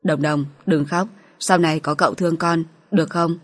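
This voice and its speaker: A woman voicing a kind, protective young uncle in an audiobook, speaking softly and soothingly. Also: low-pitched, steady tone, normal speed, no room sound. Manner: soft, soothing.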